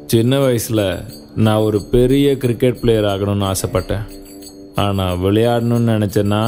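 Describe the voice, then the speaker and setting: A man's voice: fairly low pitch, warm tone, lightly acted. A man voicing a weary, cynical bookie. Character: jaded male bookie who drinks and gambles. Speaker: lead character in a dubbed film. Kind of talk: dubbed film dialogue and voice-over narration. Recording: film soundtrack with music behind.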